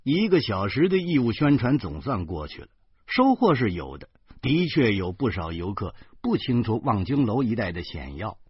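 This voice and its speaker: A man narrating an audiobook in a lively, colloquial storytelling manner. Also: on the low side, normal speed, breathy edge, no echo, muffled recording.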